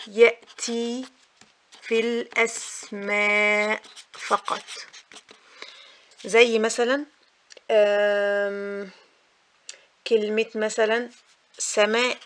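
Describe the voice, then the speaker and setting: A young woman teaches mothers grammar in an Egyptian Arabic accent, her voice on the high side and fairly bright. There's slight background noise. She's patient, repeats the important points, and says "ah" a lot as filler.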